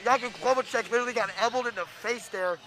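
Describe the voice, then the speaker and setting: A young man calling live hockey play-by-play, excitable and quick, stumbling over names as he goes. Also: very high-pitched, soft background music, rough recording. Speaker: play-by-play announcer.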